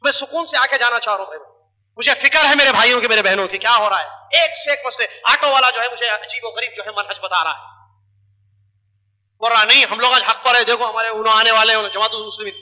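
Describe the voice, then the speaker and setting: A man's voice: extremely high pitch, sharp tone. A male preacher, delivering an emphatic sermon full of rhetorical questions.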